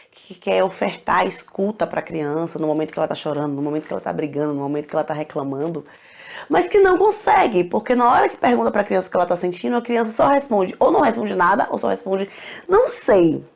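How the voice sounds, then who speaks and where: A woman with a Brazilian Portuguese accent giving lively, chatty parenting advice straight to the listener. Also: medium pitch, gravelly. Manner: lively, chatty, acts out questions in a raised voice. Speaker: parenting educator. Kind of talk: casual advice talk to camera. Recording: dull lo-fi recording.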